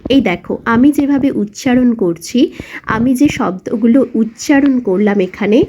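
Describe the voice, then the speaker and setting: A woman's voice: on the high side, dark tone. A woman, hosting her own channel and teaching reading in a friendly lesson, spelling out sounds one item at a time. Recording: slightly dull lo-fi audio.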